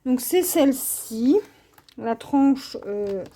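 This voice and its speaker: A woman hosting her own craft channel, showing her cross-stitch canvases in a casual, unhurried vlog, hesitant and full of fillers. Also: sits high, animated, warm tone. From France. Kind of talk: casual show-and-tell vlog.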